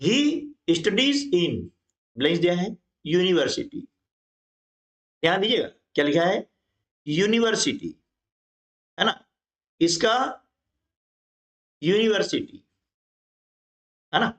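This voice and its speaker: A man's voice: sits high, expressive, normal speed, fairly bright tone. A man teaching a grammar lesson for exam preparation, explaining step by step and often checking in with his students.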